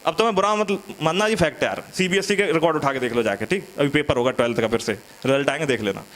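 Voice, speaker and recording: A young Indian male comedian with a high, light, fairly bright voice moves fast through a loose, chatty stand-up set. He teases the crowd and acts out little classroom scenes as he goes.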